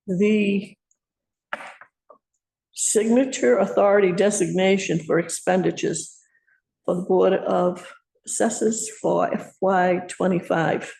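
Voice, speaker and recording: Gravelly board member making formal motions. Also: mid-range voice, a little mellow, low-quality recording. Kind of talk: town board meeting.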